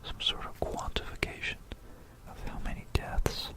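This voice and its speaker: This is a whispered history ramble from an ASMR host, breathy and unvoiced, picked up by a nearby binaural microphone. The delivery stops and starts, wanders into musing, and loops back over the same phrases.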